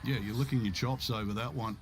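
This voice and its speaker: A man's voice: mid-range voice, steady tone, brisk, noisy background, close to an everyday voice. A man giving conversational golf commentary as the analyst, with informal, reflective asides.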